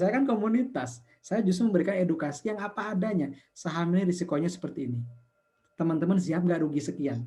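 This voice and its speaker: A man in his fifties speaks in a fairly high but mellow voice. He walks through figures step by step in a talk-show conversation, often slipping into livelier voices to quote the people who ask him questions. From Indonesia. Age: 50s. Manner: explaining with numbers, quotes callers in lively voices. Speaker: investment community founder.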